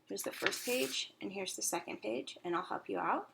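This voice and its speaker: This elementary school teacher's medium-pitched voice is gravelly, with lively intonation at a moderate pace. Reading aloud to young pupils, she stays encouraging and instructional, speaks simply, and asks many questions, all on a noisy recording with clicks.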